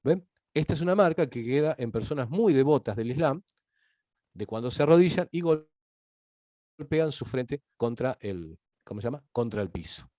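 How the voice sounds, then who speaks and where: A man teaching a recorded Bible lesson, explaining step by step and often checking with a quick question whether listeners follow. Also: medium pitch, expressive, dark tone, no room sound.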